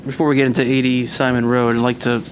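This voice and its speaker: A man giving a spoken report as an agent at a public meeting, with frequent pauses mid-phrase. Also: medium pitch, level tone. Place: municipal agency meeting. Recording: faint background noise, meeting room.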